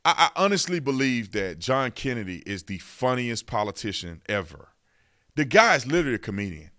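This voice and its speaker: A man's voice: mid-range voice, very animated, a little fast, fairly bright tone, no room sound, studio quality. A man hosting a radio talk show, giving casual political commentary in informal, folksy phrasing with emphatic repetition.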